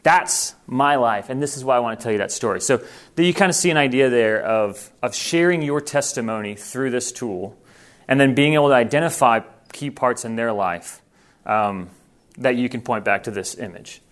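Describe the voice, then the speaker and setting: A man who grew up in Thailand leads a missionary training session in an earnest, conversational way. He often restarts his sentences while he explains his points. His voice sits at an ordinary middle pitch. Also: normal speed. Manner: earnest, informal, self-correcting.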